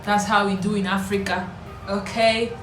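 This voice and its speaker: Her delivery is flat and moderately paced, with a medium pitch: she's a Nigerian-accented vlogger in her twenties from Lagos, casually and playfully answering questions to camera. She sits in a small room with bare walls, recorded by a distant mic with roomy echo and background music.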